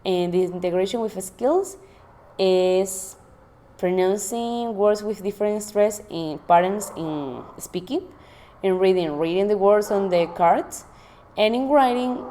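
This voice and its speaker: Slow and mellow, a medium-pitched woman teacher goes over her planned classroom activities from notes, repeatedly restarting and self-correcting. There's slight background noise.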